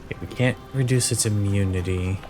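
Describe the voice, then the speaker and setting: A man giving casual commentary while streaming a video game, thinking aloud and haltingly reading out stats. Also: on the low side. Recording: game music playing underneath.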